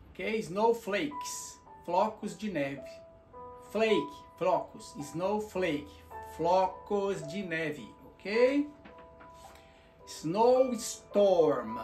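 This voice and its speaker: A man's voice: high voice, a little mellow. A man teaching vocabulary in a bilingual lesson, repeating each word and checking in with "ok?". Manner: repeats words slowly, checks in with "ok?". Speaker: language teacher. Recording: roomy echo, faint guitar music.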